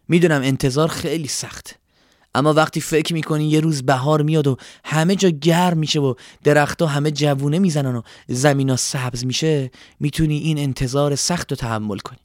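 A man voicing a kind, patient old scarecrow in a children's story, speaking softly and reassuringly. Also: a little high, no room sound, studio quality, natural voice. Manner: soft, reassuring. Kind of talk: storybook voice acting.

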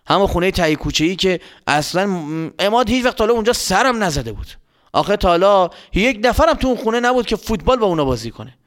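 High-voiced male children's storyteller. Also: big pitch swings. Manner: addresses young listeners directly.

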